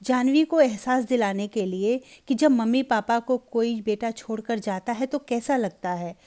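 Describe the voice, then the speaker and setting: A woman narrating a Hindi story in an even, measured storybook reading. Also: a little high.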